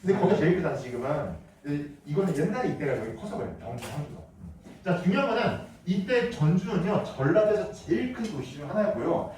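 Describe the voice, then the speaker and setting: Male history teacher quizzing his class, animated, heard from a distance in a reverberant classroom. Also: fairly high pitch, a little fast. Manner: lively, asks students questions. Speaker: middle school history teacher. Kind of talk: classroom lecture. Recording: echoey classroom from far off.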